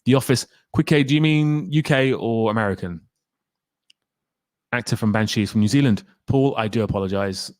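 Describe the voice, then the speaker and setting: A man's voice: medium pitch, normal speed, darkish tone, no room sound, clean studio sound. A man hosting a casual live stream, reading viewer comments aloud and energetically urging viewers to hit the like button. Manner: reacting to chat comments one by one. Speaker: livestream host reading viewer chat.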